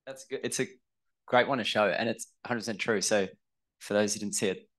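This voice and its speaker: A man with a notably low voice answers a panel question in a loose, conversational way, full of fillers and asides. He speaks for a timber manufacturer. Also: brisk. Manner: relaxed, conversational, filler-heavy.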